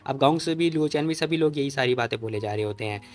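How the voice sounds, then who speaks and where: Fast-talking male comic recap narrator. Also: mid-range voice. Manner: rapid, chatty retelling.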